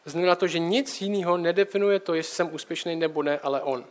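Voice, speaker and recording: Young guy with a high voice doing a chill sermon, keeps asking the listener questions. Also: steady tone. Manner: conversational, direct address with rhetorical questions. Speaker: preacher.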